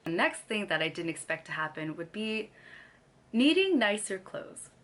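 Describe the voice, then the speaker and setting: A young woman from Canada vlogs to camera at a moderate pace, her mid-range, fairly bright voice swinging widely in pitch. She laughs frequently between sentences, and her throat is still a bit scratchy after losing her voice.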